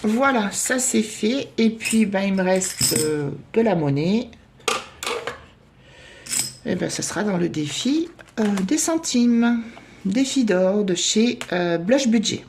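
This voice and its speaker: A woman talks through her savings challenges in a relaxed, chatty way. She hesitates often, pokes fun at herself, and counts coins out loud at a mid pitch. A steady hiss sits under the recording. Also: slow. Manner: chatty, self-deprecating, lots of hesitations and counting aloud. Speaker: budget vlogger. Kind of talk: casual chat while doing savings challenges.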